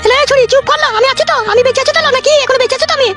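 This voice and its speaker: A woman's voice: extremely high pitch, racing, fairly bright tone. A woman playing a coarse, bossy middle-aged mother who scolds and mocks her family in a comic sketch. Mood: mocking. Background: music.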